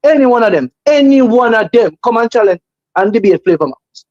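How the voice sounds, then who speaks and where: A man's voice: very high-pitched, lively intonation, fairly quick, darkish tone, dry recording, lo-fi sound. A man with a Jamaican accent talking casually and emphatically as a guest on a talk show, repeating phrases to drive his opinions home.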